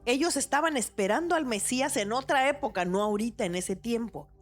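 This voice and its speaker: A woman pastor preaching a sermon, animated and personal, with rising emphasis. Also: on the high side, a little fast, faint music behind.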